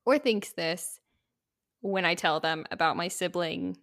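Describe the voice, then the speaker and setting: A woman's voice: lowish voice, measured pace, fairly bright tone. A woman in her twenties hosting a podcast, chatting casually and laughing often. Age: 20s. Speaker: podcast host. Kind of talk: casual chat.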